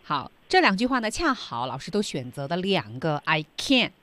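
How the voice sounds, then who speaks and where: A woman's voice: lowish voice, sing-song, moderate pace, fairly bright tone. A woman co-hosting a radio English lesson, encouraging listeners to practise and translating the lines.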